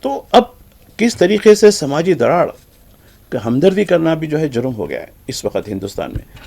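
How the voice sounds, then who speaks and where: A man with a Hyderabadi Urdu accent giving conversational news commentary on the papers, animated, acting out the exchanges he quotes. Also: vocal fry. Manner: animated, acts out quoted exchanges with shifts in pitch. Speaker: news commentator reviewing newspapers.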